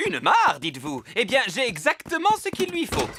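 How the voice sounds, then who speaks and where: Cartoon fox peddler: high, bright, animated sales patter, faint noise behind. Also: male voice, moderate pace, exaggerated voice. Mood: wheedling. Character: chirpy smooth-talking salesman fox, eager to please. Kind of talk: children's cartoon dub acting.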